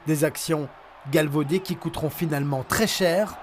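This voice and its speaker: A man's voice: fairly high pitch, moderate pace, slight background noise. Man reading a sports news report. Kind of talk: scripted news narration.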